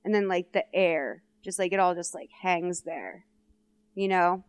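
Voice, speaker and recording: A young adult woman hosting a podcast, recapping a film in a lively, chatty way and briefly voicing the people she describes. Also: lowish voice, clean tone. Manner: animated storytelling, quick character voices for the people she quotes. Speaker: podcast host. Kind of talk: casual comedic movie recap chat.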